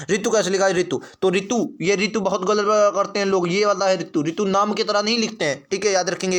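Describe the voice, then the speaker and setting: A man with a high-pitched voice runs an exam-prep spelling class. He repeats every answer several times, asking his listeners a question and then answering it himself. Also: a bit bright. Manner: repetitive, drilling answers, asks and answers himself.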